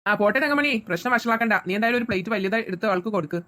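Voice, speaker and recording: A woman playing a calm, indulgent father who soothes his quarrelling children in a family comedy sketch. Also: medium pitch, racing, noisy background, lightly acted. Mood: soothing. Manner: soothing, placating.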